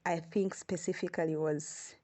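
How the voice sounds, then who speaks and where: A woman from Uganda, an astronomer, telling her story as a podcast guest in an unhurried, easygoing way. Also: sits low, steady tone, dark tone. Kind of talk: podcast interview.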